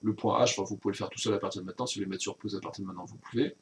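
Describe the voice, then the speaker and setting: A man's voice: fairly low pitch, steady tone, racing, a little hiss or hum. A man teaching a recorded virtual class recap, explaining step by step with frequent hesitations and self-corrections.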